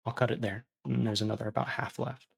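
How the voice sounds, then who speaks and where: A man with a creaky voice chatting casually as a streamer between story readings. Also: medium pitch, flat delivery, quick pace, no echo. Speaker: streamer reading stories aloud.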